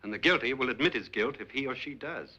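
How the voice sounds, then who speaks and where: Stern, very sharp-voiced doctor. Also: male voice, mid-range voice. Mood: grave. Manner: deliberate, interrogating. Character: stern, accusing male doctor, coolly logical. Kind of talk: vintage suspense film acting. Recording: dull old film soundtrack.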